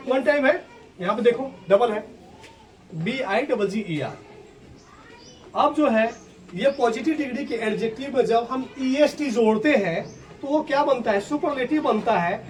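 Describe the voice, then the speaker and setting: A male school teacher teaching a grammar lesson. He explains step by step, asks questions and answers them himself, and spells words out letter by letter. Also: very high-pitched. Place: school classroom. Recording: distant classroom recording with clear background noise.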